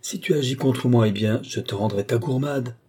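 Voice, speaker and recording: A man's voice: medium pitch, normal speed, breathy edge, lightly acted. A man voicing a sly old marshal who teases and needles his nephew in an audiobook reading. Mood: sly, teasing. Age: older. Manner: sly, teasing, lively. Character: old sly mocking male marshal, uncle.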